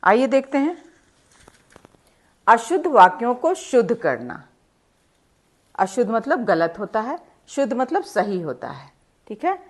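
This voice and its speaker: A woman teaching a grammar lesson, patiently explaining step by step with examples and reading example sentences slowly and deliberately. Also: fairly high pitch, big pitch swings.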